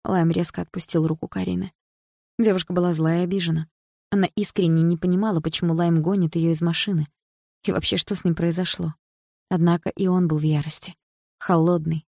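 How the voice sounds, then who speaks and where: Woman, audiobook narration, lowish voice, measured and even, dry close recording. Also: vocal fry, dry recording.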